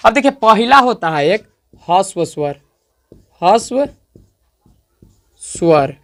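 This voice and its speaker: A man's voice: high voice, sing-song, slow pace. A male teacher giving an online grammar lesson, repeating points and often checking that students follow. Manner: repetitive, checks understanding often; stretches out sounds to demonstrate vowel length.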